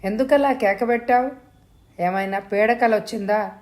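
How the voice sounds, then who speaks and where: A woman doing a worried grown man in a spoken thriller story, he keeps asking careful questions in an even voice, pitched a touch higher than her plain narration. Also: normal speed, close to an everyday voice. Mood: questioning. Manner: steady, probing questions.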